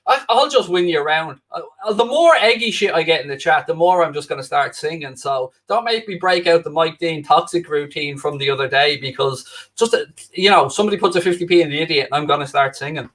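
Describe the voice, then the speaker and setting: Standing in as host of a live football watchalong stream, a man from Ireland with a Dublin-Wicklow accent chats casually, reading out viewer comments and teasing both them and himself. His voice is on the high side and fairly bright, and he talks fairly quickly into a new microphone placed close.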